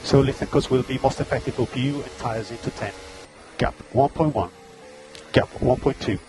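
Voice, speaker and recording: A man's voice: medium pitch, normal speed. A man working as race engineer, giving terse, clipped pit radio calls over a team radio link, repeating gaps and status updates. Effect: team radio transmission.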